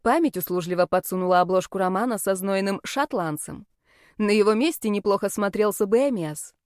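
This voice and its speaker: A woman's voice: mid-range voice, fairly quick, darkish tone, dry recording, studio quality. Wry woman narrating an audiobook. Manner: wry, sardonic storytelling. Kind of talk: scripted first-person narration.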